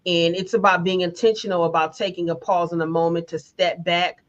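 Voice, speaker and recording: A woman's voice: lowish voice, level tone, fairly quick. A woman leading a guided wellness session on a live stream, encouraging viewers and reading their comments aloud. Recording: dull lo-fi stream audio.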